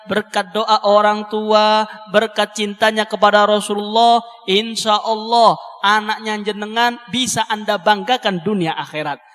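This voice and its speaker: A man's voice: high voice, fairly bright tone. Fervent man preaching in a reverberant hall. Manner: fervent, repetitive, addresses listeners directly. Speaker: preacher teaching a religious book. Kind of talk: sermon.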